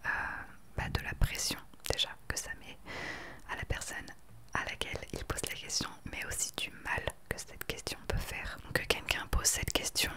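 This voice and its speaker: A woman in her late twenties talking earnestly and with conviction in a soft whispered ASMR chat into a desktop microphone. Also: normal speed. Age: 20s. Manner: earnest, opinionated. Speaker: ASMR creator. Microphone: desktop USB microphone.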